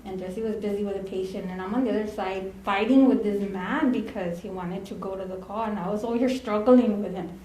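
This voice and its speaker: In an echoey funeral home chapel with faint ambience, a woman eulogizes her former ambulance partner through chatty stories, laughing as she goes and mixing Spanish phrases into her English. Her warm, mid-range voice holds a steady tone and moves fairly quickly.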